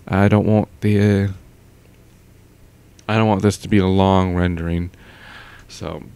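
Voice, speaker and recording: This audio vlogger is a young man with a deep, warm, clean-toned voice, speaking unhurriedly with fairly even intonation. Indoors at home on a close mic with a pop filter, he rambles casually, trailing off amid plenty of fillers.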